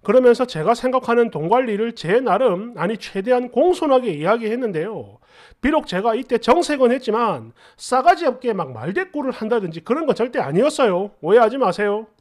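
A man's voice: very high-pitched, very animated, a little fast. A man narrating a first-person story in a conversational, exasperated way, with rhetorical asides to the listener.

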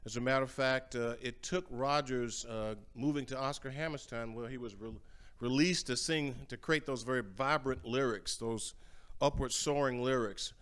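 A man's voice: medium pitch, moderate pace, a bit bright, clear, resonant tone. An older man hosting a home music show, chatting casually between songs with many fillers and repeated words, filmed from across a large indoor entryway. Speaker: show host and singer. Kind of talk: casual spoken introductions between sung ballads. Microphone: far camera, standing at a music stand.

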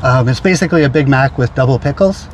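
A man's voice: mid-range voice, fast. A man ordering food at a drive-through from his car, repeating his order with hesitant fillers. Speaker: food review vlogger. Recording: noisy car ambience. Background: car and street noise.

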